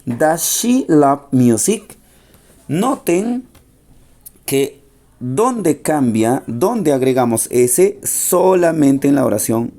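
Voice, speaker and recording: A man teaching an English grammar lesson in Spanish. He is patient, repeats the key points and slows down for the English example sentences. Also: medium pitch, warm tone.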